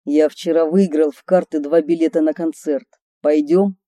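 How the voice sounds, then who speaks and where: A woman's voice: deep voice, fairly even intonation, normal speed, warm tone, no echo, clean studio sound, pitched below the performer's own voice, natural voice. A woman doing a tender, earnest gang boss. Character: gruff male gang leader, tender and boastful.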